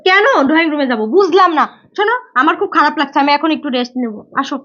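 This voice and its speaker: A young woman acting a wife in a domestic drama, questioning and then shouting in fury. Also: high-pitched, animated, very fast, lo-fi sound.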